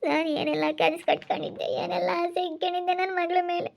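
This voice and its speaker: Actress as a scolding, lamenting village mother, high voice. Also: fast, natural voice.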